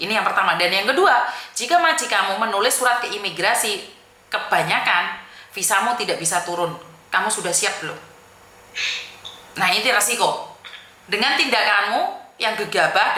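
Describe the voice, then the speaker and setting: A woman's voice: medium pitch, sharp tone, roomy sound. A woman host who gives firm, repetitive advice to a caller in a call-in chat. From Indonesia. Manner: firm, repeats herself, calls the caller "sayang".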